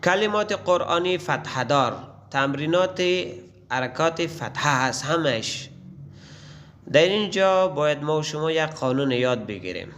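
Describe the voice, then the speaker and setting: Male Quran teacher, slow drill. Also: a little high, expressive, a bit bright. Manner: slow drawn-out letter recitation, then patient explanation. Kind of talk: Quran reading lesson.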